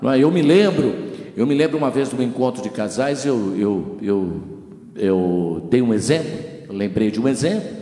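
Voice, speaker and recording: A man preaching as a guest pastor in a church, telling a story and acting out its dialogue. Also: mid-range voice. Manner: storytelling with lively acted-out dialogue. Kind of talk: sermon. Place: church hall. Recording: echoey church hall.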